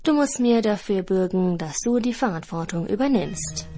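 A woman's voice: medium pitch, lively intonation, mellow, soft background music, natural voice. A woman voicing a cautious male bird catcher warning the bird about the consequences. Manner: warning, measured.

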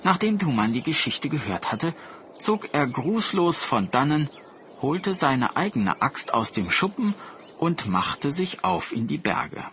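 A man reading a fairy tale aloud in a calm, storybook narration style. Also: on the high side, a little slow, slight background noise.

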